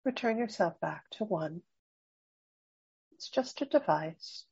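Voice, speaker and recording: A woman guiding a slow breathing meditation, speaking softly and soothingly with long pauses. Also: lowish voice, animated, slightly rough, lo-fi sound. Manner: slow, soft, soothing and unhurried. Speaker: meditation guide.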